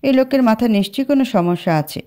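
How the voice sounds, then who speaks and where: A woman narrating a scripted love story in a steady, dramatic storytelling manner. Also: on the high side, fast talker.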